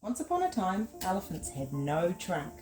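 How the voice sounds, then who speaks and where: Woman, New Zealand accent, storytime reader for toddlers; lively melody, faint music bed. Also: fairly low pitch, moderate pace, rough recording. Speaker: children's librarian. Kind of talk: storytime read-aloud.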